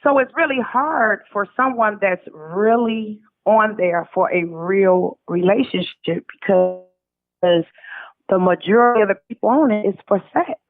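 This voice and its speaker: Over a narrow, tinny phone line, a middle-aged American woman, an author being interviewed, tells her story casually and candidly. Her voice is mid-range and a little slow, with emphatic, colloquial phrasing.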